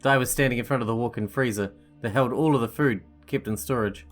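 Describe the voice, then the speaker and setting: A woman's voice: extremely low pitch, quick pace, soft background music. A woman doing a let's play, reading game narration aloud and adding casual commentary.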